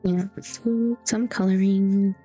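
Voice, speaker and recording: Rambling through stories as she draws, a young woman streamer keeps the chat casual over faint background music. She speaks slowly in a warm, steady, mid-range voice. The audio sounds dull.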